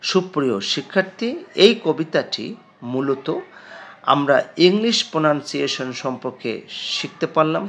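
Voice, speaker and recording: A man teaching an English pronunciation lesson to students, speaking with a Bengali accent and drilling words slowly and emphatically. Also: medium pitch, gravelly, fairly bright tone, a little hiss or hum. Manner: slow, emphatic word-by-word drilling, addressing students directly.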